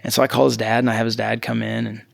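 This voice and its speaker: A man hosting a podcast, telling a coaching story in a casual, animated way, laughing often. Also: mid-range voice, rapid-fire, vocal fry. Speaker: podcast host and jiu-jitsu coach.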